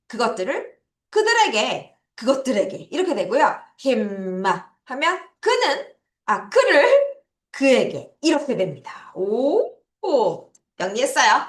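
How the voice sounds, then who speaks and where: A woman's voice: high voice, very animated, a little slow, fairly bright tone, reverberant. A woman teaching English words to young children, drilling them in call-and-response and laughing often. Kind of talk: children's vocabulary lesson.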